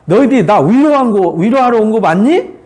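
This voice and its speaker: A man's voice: sits high, expressive, quick pace, darkish tone, pitched above the performer's own voice. A man voicing an anguished older man who indignantly pleads with the friends who blame him.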